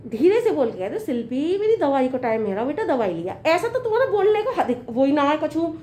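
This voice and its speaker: An earnest young daughter-in-law, played by a woman, lectures her mother-in-law in a fairly high voice. She reasons patiently and at length. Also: very animated, a little fast, warm tone, slight background noise. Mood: lecturing. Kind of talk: comedy sketch acting.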